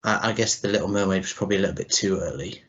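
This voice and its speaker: This podcast co-host, a man in his thirties, talks very fast in a low-pitched voice with a fairly bright tone. His casual chat is loose and rambling, captured on dull lo-fi podcast audio.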